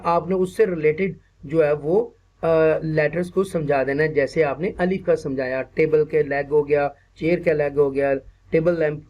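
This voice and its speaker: A man with a Pakistani accent giving an online teacher-training lecture, patiently repeating words slowly and checking in often with his listeners. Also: a little high, dull audio. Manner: mixes English phrases into speech, asks "ठीक है ना" often.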